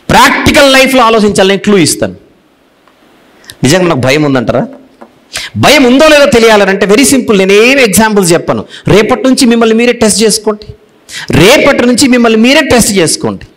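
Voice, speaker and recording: A male preacher with a Telugu accent delivers a passionate sermon, his fairly high voice climbing and dropping with great animation. He repeats key phrases over and over, hammering them home, then sinks to a low, hushed tone to scold his listeners. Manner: impassioned, swings between loud emphatic declarations and low hushed rebukes.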